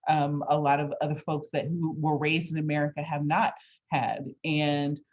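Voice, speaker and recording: A woman interviewer talking conversationally, explaining her thoughts in a deliberate, halting, reflective way. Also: deep voice, flat delivery, lo-fi sound, a little hiss or hum.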